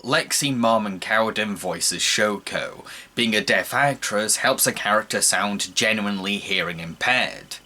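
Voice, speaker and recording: A man reading a scripted review as the narrator, in a measured, explanatory style. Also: on the low side, bright, forceful tone.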